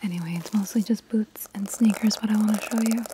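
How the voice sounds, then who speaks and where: A woman whispering breathy ASMR with tingly mouth sounds, rambling casually and playfully repeating words and short phrases. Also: mid-range voice, steady tone, a little fast, heavy background noise. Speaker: ASMR video creator.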